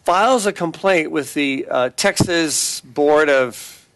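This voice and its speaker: Slow and a little high, a middle-aged Californian man's slightly bright voice comes through with a bit of hiss or hum. He is an attorney earnestly making talk-show announcements, repeating a web address, and telling a case story with frequent restarts.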